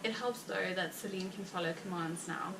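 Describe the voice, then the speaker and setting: Sitting a good distance from the microphone in a roomy space, this pregnant vlogger, far along and speaking with a South African Afrikaans accent, rambles chattily to her audience. Her voice is lowish and gravelly, peppered with fillers and quick laughs, over a steady background noise.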